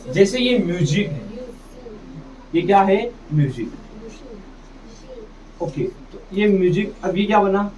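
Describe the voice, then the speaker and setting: Slow, high-voiced man teaching phonics. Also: expressive, a little mellow. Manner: drills pronunciation, asks and answers his own questions. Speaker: English teacher. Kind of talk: classroom phonics lesson. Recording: distant dull mic with faint noise.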